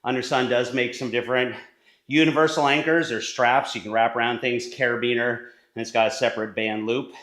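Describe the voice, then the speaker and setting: A man's voice: medium pitch, fairly even intonation, brisk, fairly bright tone. A man giving casual workout instruction in his home gym, now and then short of breath, sometimes moving away from the camera mic. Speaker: fitness coach. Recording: echoey home gym room.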